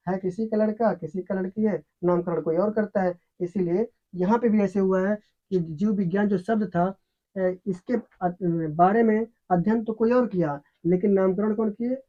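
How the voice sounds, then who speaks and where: A teacher giving an explanatory science lesson who asks questions, answers them, and repeats the key terms. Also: mid-range voice. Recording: dull, lo-fi recording.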